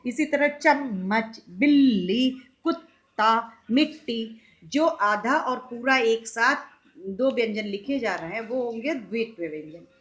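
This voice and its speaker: A woman's voice: fairly high pitch, expressive, takes it slowly, a bit bright, slightly rough. A woman with an Indian accent, a school teacher giving a recorded lesson to young pupils, patiently repeating and sounding out examples and answering her own questions.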